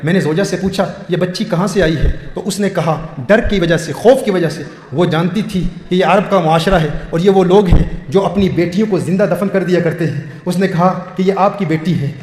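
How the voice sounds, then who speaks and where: A man's voice: high-pitched, few pauses, a little mellow. A male preacher telling a moving story in a sermon, with heartfelt, repetitive phrasing. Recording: echoey hall with long reverb.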